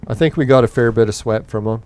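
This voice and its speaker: A young man hosts a gaming podcast, giving casual gameplay commentary as he plays, rambling, swearing and laid-back, his voice tiring late at night. He talks fast at a medium pitch with a slightly mellow tone.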